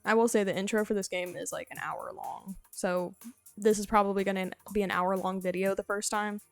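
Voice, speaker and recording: A woman's voice: medium pitch, steady tone, fairly quick, no room sound, faint music behind. A woman hosting a let's play, chatting casually and joking while she plays. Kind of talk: casual gameplay commentary.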